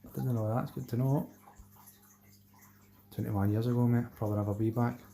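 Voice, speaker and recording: On a fishing live stream, a man with a Glaswegian accent casually reads and answers viewer messages, rambling in a friendly, matey way with colloquial Scots phrasing. His mid-range voice is creaky and dark, a little fast, with fairly even intonation.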